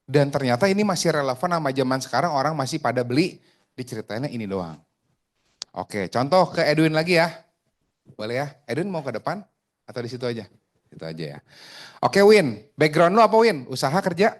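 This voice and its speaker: A man's voice: on the high side, very animated, a little fast. Man, sales trainer, chatty, joking, quizzes his audience. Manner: joking, chatty, asks the room questions. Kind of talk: casual training talk to a group.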